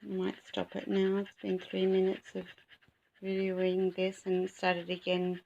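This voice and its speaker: A woman talks casually to her pets in a cooing, sing-song way. Her voice often drops into creak, and the home-video sound is dull, with some background noise. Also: medium pitch, completely flat delivery, measured pace, mellow. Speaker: dog owner filming her dog in labour. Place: indoors at home.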